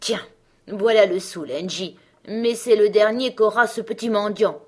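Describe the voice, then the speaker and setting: Gruff stingy merchant, curt and impatient, as a woman reads him, storybook. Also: medium pitch, a little slow, natural voice.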